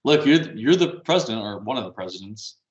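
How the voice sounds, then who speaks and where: A man's voice: on the low side, lively intonation, fast, dull audio, a crowd in the background. A man casually chatting on a podcast from home, rambling and meandering with little chuckles. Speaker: podcast co-host. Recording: roomy echo.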